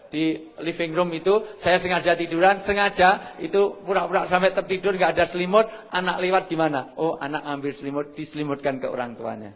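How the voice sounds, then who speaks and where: A man giving a religious parenting lecture to an audience, telling lively stories and often apologizing before making his points. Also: high voice, muffled recording. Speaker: speaker on parenting and family values.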